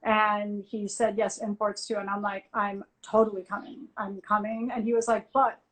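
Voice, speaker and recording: A woman, a music journalist, telling a lively anecdote as an interview guest on a video call and acting out both sides of the dialogue. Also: medium pitch, normal speed, low-quality recording. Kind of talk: casual storytelling on a live video chat. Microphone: phone or laptop on a video call.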